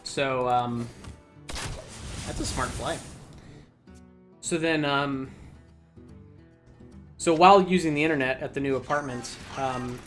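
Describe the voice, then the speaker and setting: A man's voice: mid-range voice, a bit bright. A young man chatting casually while playing a card game, telling a long story with lots of fillers and restarts. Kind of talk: casual let's-play chat.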